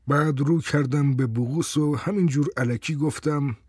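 Calm male storyteller: husky, measured, dry delivery. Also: fairly high pitch, no room sound. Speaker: narrator. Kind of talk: dramatic first-person story reading.

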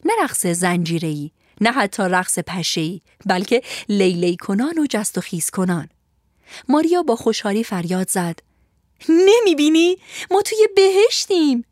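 A woman narrating a storybook in an expressive, lively storytelling manner. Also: on the low side, no room sound, clean studio sound.

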